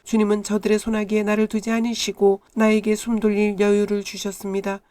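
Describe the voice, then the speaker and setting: A woman giving a calm, measured devotional reading of scripture. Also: mid-range voice, no room sound. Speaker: Bible reader.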